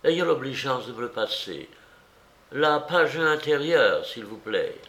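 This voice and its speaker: Brilliant male detective, animated, pleased with himself, audiobook voice by a male reader, slow pace. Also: mid-range voice, reverberant, heavily acted. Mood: explaining. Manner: quick, animated, explaining.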